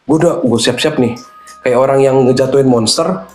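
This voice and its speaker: Soft background music plays as a man with a medium-pitched voice, speaking at normal speed, recounts a true horror story as a guest. He uses casual slang, stays animated, and performs the voices.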